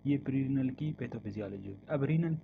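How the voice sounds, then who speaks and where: A man delivers a medical lecture at an unhurried pace, reading definitions aloud and then breaking them down. His voice sits at an ordinary pitch. The recording sounds muffled and low-fidelity, with a clear layer of hiss behind it. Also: animated. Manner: slow, explanatory, reads definitions aloud then explains them; mixes English terms into his explanations. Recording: dull lo-fi audio with clear background hiss.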